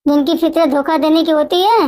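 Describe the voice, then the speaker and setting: A woman's voice: high-pitched, a little fast, dark tone, natural voice. A woman doing earnest honest elder brother. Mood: angry. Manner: earnest and stern. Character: honest hardworking older brother, family man.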